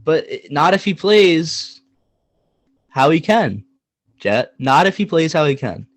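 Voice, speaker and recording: A man's voice: fairly high pitch, slow. Joking young man co-hosting a sports podcast. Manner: animated, joking, emphatic repetition. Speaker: podcast co-host. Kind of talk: casual sports podcast chat.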